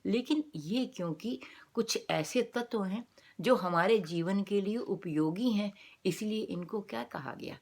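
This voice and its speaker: A woman's voice: mid-range voice, measured pace, darkish tone. Woman lecturing with rhetorical questions. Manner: explanatory, asks rhetorical questions then answers them. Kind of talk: academic lecture.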